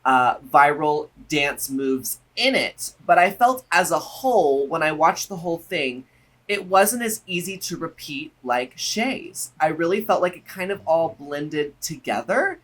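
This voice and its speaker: A man with a very bright, somewhat high-pitched voice. He talks like a sassy, campy drag queen, sharing opinions in a casual co-hosted review chat. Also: lively intonation, unhurried. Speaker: reality show review co-host.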